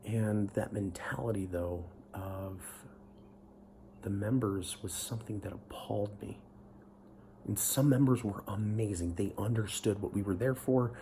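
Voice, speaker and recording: A man's voice: on the low side, warm tone, a little hiss or hum. A young man speaking in a candid personal monologue, blunt and often profane, turning heated at times. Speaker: vlogger.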